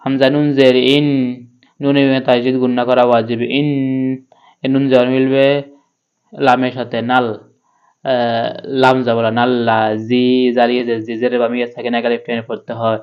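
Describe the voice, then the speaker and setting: A man teaching Quran reading letter by letter, spelling each syllable and then chanting the verse slowly. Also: mid-range voice, flat delivery, smooth, lo-fi sound.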